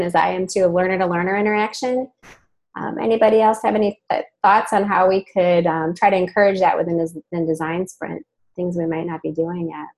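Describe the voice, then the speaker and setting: A woman with a medium-pitched, darkish voice hosts a webcast over a video call. She's chatty and informal in a casual group discussion, with lots of ums and self-corrections.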